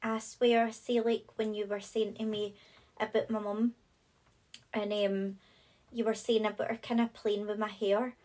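A woman's voice: mid-range voice, flat delivery, a little slow, warm tone, rough recording. A woman hosting a podcast, talking in a friendly, casual way with lots of short agreeing replies. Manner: friendly, with many short back-channel replies. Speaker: podcast host.

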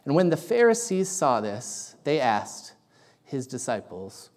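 A young man preaching a sermon in a casual, halting way with lots of ums, his voice carrying an echoey big-room sound. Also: medium pitch, very animated, darkish tone. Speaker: guest preacher.

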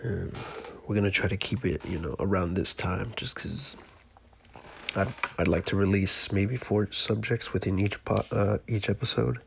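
A man hosting his own podcast alone, talking in a laid-back, profane, rambling way with a monotone voice. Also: low-pitched, moderate pace, gravelly, a little hiss or hum. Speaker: podcast host. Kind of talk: casual solo podcast talk.

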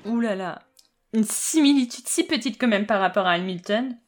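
A woman's voice: medium pitch, lively intonation, moderate pace, over music. A woman hosting a casual podcast chat, often tripping over words, correcting herself and laughing. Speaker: podcast host.

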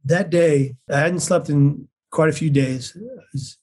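A man's voice: a little high, measured pace, darkish tone, breathy edge. A man telling his own story in an earnest, intense way as an interview guest. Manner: earnest and intense, acts out quoted voices. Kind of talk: personal storytelling.

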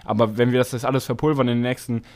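A young man co-hosting a casual podcast, telling stories in a slangy, animated way with many fillers. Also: medium pitch, very fast. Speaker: podcast co-host. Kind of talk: casual chat.

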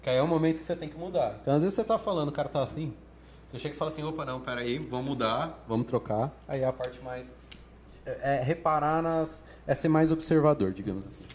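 A man's voice: a little high, quick pace, a little hiss or hum. A man with a Brazilian Portuguese accent, an oratory teacher talking casually and acting out quoted thoughts, with many restarts. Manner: animated, acts out quoted thoughts, restarts often. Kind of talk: casual coaching talk.

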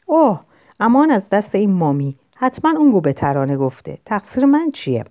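A woman's voice: medium pitch, big pitch swings, natural voice. A woman reading a novel aloud, voicing a playful, charming young man who teases in a theatrical way. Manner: teasing, theatrical. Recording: dull lo-fi recording.

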